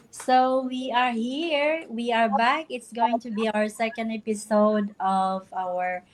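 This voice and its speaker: A woman's voice: a little high, fairly even intonation, slow pace, a little hiss or hum, rough recording. A woman from the Philippines hosting a casual live chat, friendly and laughing between lines. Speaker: livestream host.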